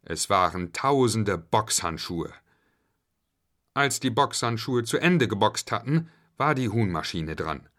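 Man narrating a kids' story, unhurried and animated. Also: on the low side. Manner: slow, expressive. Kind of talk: reading a bedtime story.

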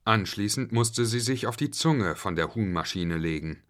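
A man telling a home-made children's story, reading it slowly and expressively. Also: fairly low pitch. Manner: slow, expressive.

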